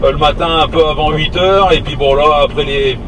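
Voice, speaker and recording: His voice is a little high and fairly quick as he chats casually on the CB radio, meandering and unsure, with tag words trailing his phrases. The recording comes from a distant mic in a moving vehicle, steady engine noise throughout.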